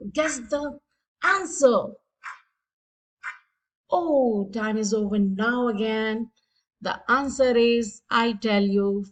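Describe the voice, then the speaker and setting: Woman, kids' phonics teacher, high voice, Hindi-mix, coaxing. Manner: mixes Hindi and English, urges kids on. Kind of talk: phonics quiz lesson.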